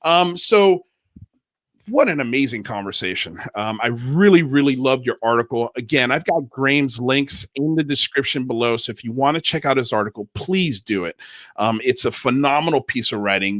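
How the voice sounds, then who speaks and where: A man's voice: medium pitch, sharp tone, no echo. A man hosting a casual interview in an effusive, informal way. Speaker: livestream host.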